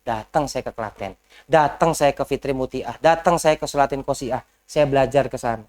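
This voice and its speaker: A medium-pitched man at a moderate pace gives a lively motivational business coaching talk to a group at an indoor session in a house. He addresses them directly with rhetorical questions and slips English business phrases into his speech.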